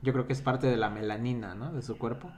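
A man's voice: medium pitch, fairly even intonation, fast talker, darkish tone. Man chatting casually. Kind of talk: casual chat.

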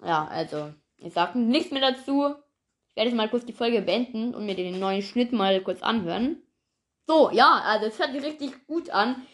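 A woman with a rather high, expressive voice narrates her homemade audio episode at a moderate pace. She rambles casually, full of fillers, chatting directly to her listeners as if they were friends.

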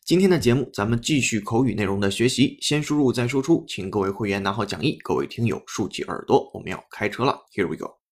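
A man's voice: fairly low pitch, expressive, quick pace, husky. A man hosting a broadcast-style English lesson, upbeat and explaining step by step with repeated drills. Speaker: English teacher and host. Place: studio broadcast.

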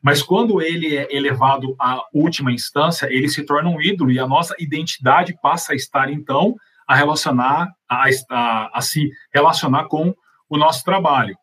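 A man's voice: a little high, normal speed, bright, forceful tone, breathy edge. A man with a Brazilian accent explaining matters of faith as a panelist, in a conversational teaching style with everyday examples. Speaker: panelist answering questions on faith.

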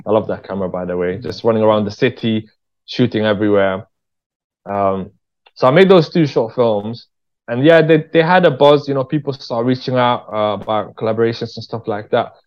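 Fairly quick and lowish in pitch, an English writer-director speaks as a guest in an interview, telling stories in a laid-back, candid, slangy manner. The audio is lo-fi and dull.

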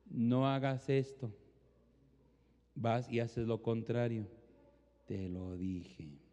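A male pastor delivering a Spanish-language sermon with call-and-response, swinging between loud exhortation and quiet, low asides. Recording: dull, long-reverb hall sound.

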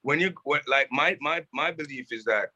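A man's voice: a little high, normal speed, highs cut off. A man from Jamaica, a music producer, telling stories with animation in casual conversation from a rehearsal building. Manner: animated storytelling.

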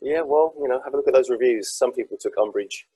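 A man chats as a podcast guest, his speech rushing along at a brisk clip. His voice is deeply husky and sits a little low. The sound is close and dry, and he tells his stories with animated self-deprecation. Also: dry recording, rough recording. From South East England. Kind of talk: casual podcast chat.

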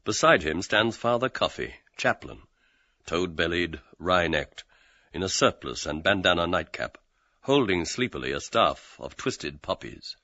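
A man narrating an audiobook of a novel in a measured, dramatic reading. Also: low voice, expressive, bright, forceful tone. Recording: dull lo-fi recording with faint noise.

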